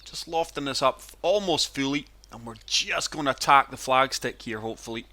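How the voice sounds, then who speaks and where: Guy with a bad chest cold, wheezy but bright voice, chatting casually thru a golf game for his channel. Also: medium pitch, moderate pace. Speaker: gaming channel host and player.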